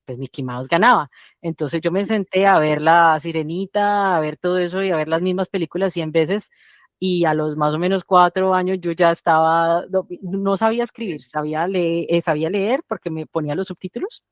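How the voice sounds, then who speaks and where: A woman with a Colombian Spanish accent, a doctor guest in an interview, telling her story in a lively way with frequent restarts. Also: fairly low pitch, moderate pace, dry recording, dull audio. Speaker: guest, general practitioner. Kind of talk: casual interview chat.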